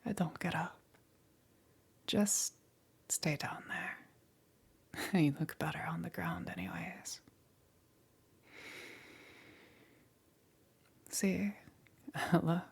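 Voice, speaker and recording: Breathy and whispery, a woman acts out a smug demon queen in ASMR roleplay, teasing with seductive menace in a mocking mood. Her exaggerated voice is on the low side and holds a steady tone. She taunts slowly, with soft chuckles throughout.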